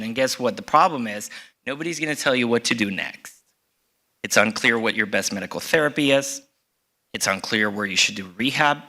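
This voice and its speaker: A man's voice: mid-range voice, creaky, sharp tone. A middle-aged man from Rica, a surgeon giving an earnest conference talk with fillers and restarts. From Costa Rica. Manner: earnest, fillers and restarts, stresses key words. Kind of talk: conference presentation.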